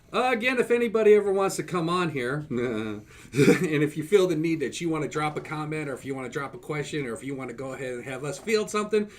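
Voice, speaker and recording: A man co-hosting a podcast, chatting casually and teasing his friend in a playful, animated way. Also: a little high, a little fast. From United States. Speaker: podcast co-host. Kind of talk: casual banter.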